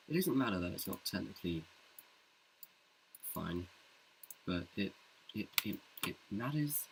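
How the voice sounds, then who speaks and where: Working through a scene in a laid-back screen recording, a male CG artist chats and mocks himself, now and then slipping into a deep movie-trailer voice for a joke. The recording is low quality, with slight background noise and clicking from his keyboard and mouse.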